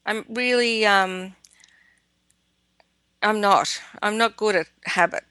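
A woman's voice: mid-range voice, slow pace, sharp tone, no room sound. A woman guest in a casual interview, speaking in a self-deprecating way, laughing often and hesitating with fillers. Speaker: magazine editorial director, guest.

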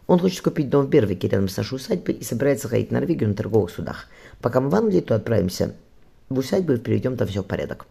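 A man reads a brave woman sailing with her family, who speaks calmly and firmly to those she loves. Her lines come fast, in a dark, mellow, gravelly voice. It sounds like a spoken storybook. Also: mid-range voice, full character voice. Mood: tender. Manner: calm, caring, firm. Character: brave, practical woman, ship's surgeon and mother.

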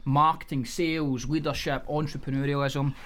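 A man's voice: fairly high pitch, flat delivery, moderate pace, fairly bright tone. A man hosting a business podcast, introducing and interviewing in a conversational way.

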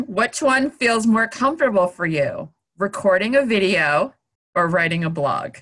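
A woman hosting an interview, upbeat and asking quick, direct questions. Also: medium pitch, expressive, a bit bright. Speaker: interview host, marketer. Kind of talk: casual interview talk.

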